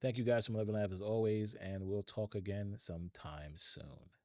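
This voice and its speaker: This middle-aged man runs a live tech stream, speaking casually and wandering off topic as he talks to chat. His voice is lowish and dark at a moderate pace, and the studio sound is clean with no echo.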